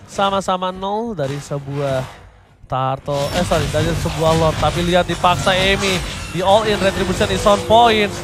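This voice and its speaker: A man calling a game match like a fighting game announcer, with dramatic drawn-out calls and rhetorical questions. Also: high voice, fairly bright tone, slight background noise. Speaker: esports shoutcaster, play-by-play. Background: music.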